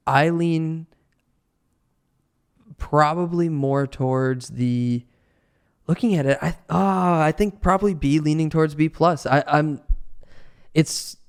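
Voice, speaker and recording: Speaking slowly with long pauses, a man with a smooth, fairly high voice co-hosts a relaxed fantasy football podcast. He thinks aloud as he goes and restarts himself a lot.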